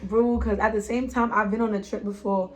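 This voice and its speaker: Young ny woman, animated slangy storytime chat, acts out her friends. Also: medium pitch, brisk. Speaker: vlogger.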